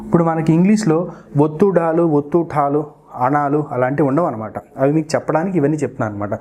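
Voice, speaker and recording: A woman's voice: deep voice, very fast, mellow. A woman teaching a spoken English pronunciation lesson, patiently repeating each sound in a drill and explaining it directly to her learners.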